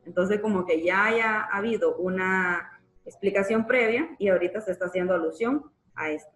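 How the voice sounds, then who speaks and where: A woman's voice: mid-range voice, moderate pace, fairly bright tone, roomy sound, soft background music, poor audio. A woman teacher giving a live online grammar class, explaining patiently and checking in with frequent tag questions. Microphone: computer mic in a live online class.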